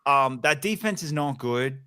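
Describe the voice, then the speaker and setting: A man with a bright, clear-edged voice chats loosely about football on a podcast. He hedges, restarts and fills with "like" and "um" as he works through his points. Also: mid-range voice, lively intonation, a little slow. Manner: hesitant, many fillers and restarts. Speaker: podcast co-host. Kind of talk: casual sports chat.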